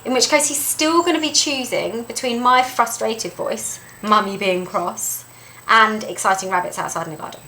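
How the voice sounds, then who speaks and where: A woman teaches dog recall in a bright, clear voice, lively and emphatic. She repeats key points for clarity. A faint hiss of noise sits underneath. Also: moderate pace, low-quality recording. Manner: lively and emphatic, repeats key points, jumps up high when voicing calls to her dog. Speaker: dog trainer presenting a video lesson. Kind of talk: instructional talk to camera.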